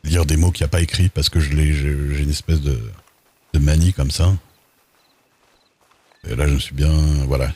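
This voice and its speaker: A man's voice: very deep voice, fairly even intonation, moderate pace, pauses often, mellow, husky. A man streaming a roleplay game, talking casually in a rambling, self-deprecating way while nursing a cold and a sore throat. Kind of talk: casual chat between roleplay scenes.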